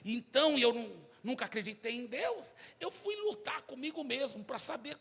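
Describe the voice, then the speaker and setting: Arrogant young atheist student, loud and mocking, pitched high, as a preacher puts him on; echoing hall. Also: male voice, lively intonation, moderate pace, vocal fry, slight background noise, heavily acted. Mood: confessional.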